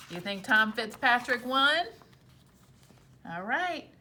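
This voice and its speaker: A woman reads a storybook aloud to children the way a teacher would, pausing to explain things to her young listeners. Her expressive voice is a little high and bright, with big pitch swings and a forceful tone.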